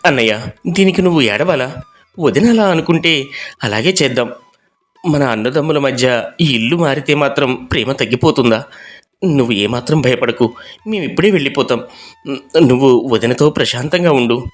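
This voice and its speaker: Soft-spoken polite young villager, as a man plays him, storybook cartoon, faint music behind. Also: medium pitch, moderate pace, long pauses, close to an everyday voice. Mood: gentle. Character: gentle, humble young husband, the younger brother. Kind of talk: animated storybook voice acting.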